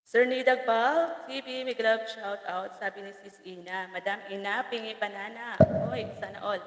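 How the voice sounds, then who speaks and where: A woman's voice: on the high side, steady tone, normal speed. Chatty Bicolano woman in an echoey room. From Bicol region, Philippines. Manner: chatty and teasing, laughs often, stumbles over names. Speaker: farm vlogger hosting a live stream. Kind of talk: casual live-stream chat reading viewer comments. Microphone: phone. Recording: echoey room with long reverb.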